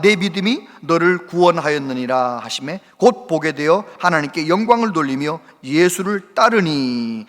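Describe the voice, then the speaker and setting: A man preaching a sermon as a pastor, impassioned and swinging between loud exhortation and hushed speech, often asking the congregation questions. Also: high voice, in a large hall. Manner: asks the congregation questions and calls for replies. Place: church sanctuary with long reverb.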